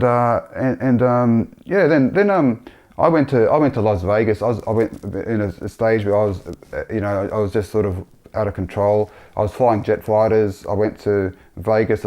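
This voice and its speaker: A man sharing a personal religious testimony in a halting, earnest way, often repeating himself. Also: on the low side, darkish tone.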